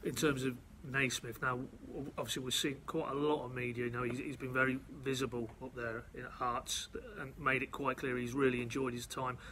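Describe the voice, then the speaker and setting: A male football correspondent breaks down the game in casual chat, analytical and prone to doubling back on his words. His tone is bright and forward, but his pitch barely moves. A faint hiss sits under the voice. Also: flat delivery, a little fast, hardly any pauses. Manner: analytical, stumbles and repeats words.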